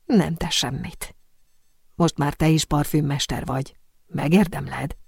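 A woman's voice: low-pitched, vocal fry, darkish tone, breathy edge, no room sound, full character voice. Woman reading a suave perfume master. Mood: assured. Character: suave worldly male perfume master guardian. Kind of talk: audiobook character reading.

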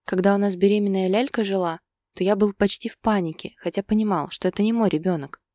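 A woman voicing a calm, teasing man who soothes his partner in a gentle, soothing way. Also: medium pitch, fast talker, dry recording, studio quality, lightly acted.

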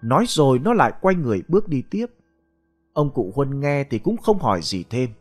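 A man narrating a ghost story in an expressive storytelling voice. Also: medium pitch, brisk, faint music behind. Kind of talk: scripted narration.

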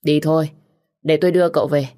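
A woman voicing a calm, firm male doctor who explains things in a steady, measured way in an audiobook. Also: deep voice, lightly acted. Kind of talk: audiobook character reading.

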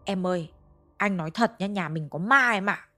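A woman's voice: mid-range voice, moderate pace, pushed and bright, faint music behind, natural voice. A woman voicing a frightened husband in a ghost story. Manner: pleading, shaken. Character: frightened husband waking from a nightmare.

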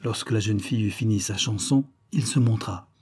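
A man reading a classic adventure novel aloud in a measured, expressive way. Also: lowish voice, slightly rough. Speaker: audiobook reader. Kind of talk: audiobook narration of a classic novel.

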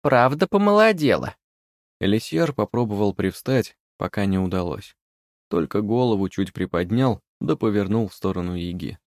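A male narrator reads a fairy tale in a calm, even manner. His voice sits low. The recording is dry and close, with no room sound. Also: moderate pace, no echo. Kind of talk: audiobook narration.

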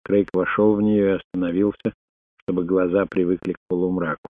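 A man narrating a thriller audiobook in a steady, even reading voice. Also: low-pitched, a little fast, no echo. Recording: dry, phone-like narrow sound.

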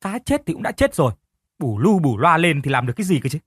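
A man's voice: medium pitch, lively intonation, normal speed, fairly bright tone, no room sound, clean studio sound. A man voicing a downcast young husband and fish farmer who speaks politely to his elder and snaps at his wife. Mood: angry. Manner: polite and deferential, flaring angry at his wife. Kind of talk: audiobook character reading.

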